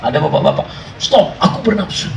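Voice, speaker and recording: A man with a high, bright voice preaching a joking sermon to a crowd that answers with laughter. He tells comic stories and slips into other voices and snatches of song. The recording is roomy and caught from a distance, with the gathering audible behind him. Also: sing-song, brisk, vocal fry, noisy background. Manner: jokey storytelling, acts out voices and sings snatches of songs. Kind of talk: humorous sermon to a live congregation. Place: large hall with congregation. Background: congregation laughing.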